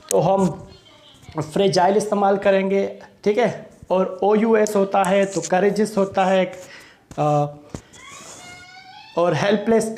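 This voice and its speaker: A man's voice: sits high, a little mellow. A young male English teacher giving a lesson, spelling out word endings one by one and often checking in with the class. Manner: spells out word endings letter by letter, frequent "theek hai" check-ins.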